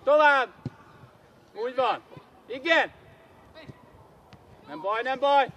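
A man coaching youth footballers from the sideline, shouting short urgent calls and praise, outdoors on a pitch. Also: animated, dull audio. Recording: noisy outdoor pitch-side recording.

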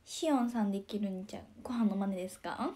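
A young woman with a Kansai accent, hosting a casual livestream. She chats about viewer comments in a giggly, soft-spoken way and often drops to a near whisper. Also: mid-range voice, fast talker, a little hiss or hum. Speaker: idol livestream host.

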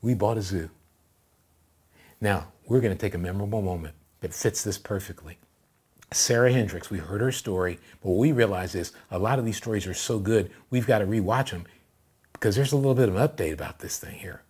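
A male pastor preaching a sermon, telling a story with animated, emphatic delivery that builds to loud passages. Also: fairly low pitch, brisk, husky. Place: church livestream.

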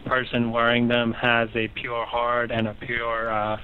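A male customer service agent handles a phone support call, speaking politely and hesitantly, with many ums, and addresses the caller as sir. His medium-pitched voice is monotone and measured. It's heard over a tinny phone line with a little hiss or hum.

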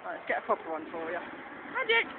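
A woman's voice: low-pitched, steady tone, racing. A woman chatting and coaxing her dog as she films it in a snowy garden at evening. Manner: chatty, coaxing, often laughing, calls out to the dog. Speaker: dog owner filming her pet. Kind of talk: casual commentary while filming. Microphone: handheld camera mic. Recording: lo-fi camera audio with faint outdoor noise.

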